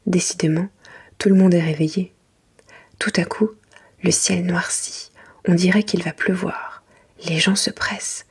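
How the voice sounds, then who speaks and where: A woman reading a children's storybook in a soft, breathy library whisper, gently and without hurry, in an ASMR style. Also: on the low side, fairly even intonation, measured pace, long pauses.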